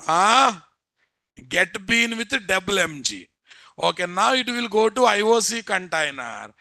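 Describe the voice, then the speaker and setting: A man's voice: high voice, very animated, a little slow, creaky, bright, forceful tone, no room sound, studio quality. A man with an Indian Telugu accent giving a live programming lecture as an instructor, repeating phrases and constantly quizzing his listeners.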